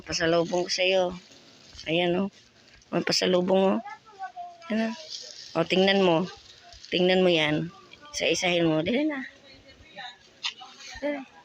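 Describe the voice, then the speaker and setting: A man hosting a casual vlog on a handheld phone, unhurried and drawn out. He teases and fusses over the person he is visiting and keeps asking one question after another. Faint noise sits under his voice. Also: high-pitched, fairly bright tone. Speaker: vlogger host.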